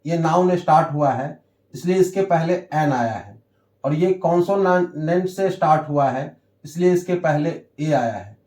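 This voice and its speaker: Male teacher, high voice, unhurried explanations, echoey classroom sound. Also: a little mellow. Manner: slow, deliberate, repeats key terms. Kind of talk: explaining English grammar lesson. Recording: echoey room.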